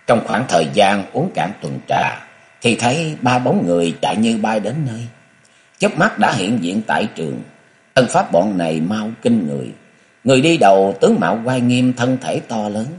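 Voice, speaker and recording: A man narrating a martial arts novel as an audiobook, telling the story in an expressive way. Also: fairly low pitch.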